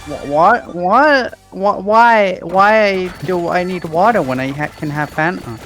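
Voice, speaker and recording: Rambly excitable lady on a game stream, curses a lot, bit of music behind. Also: takes it slowly. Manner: excitable, rambling, swears, jumps high when startled. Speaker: stream co-host. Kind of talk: casual live-stream chat.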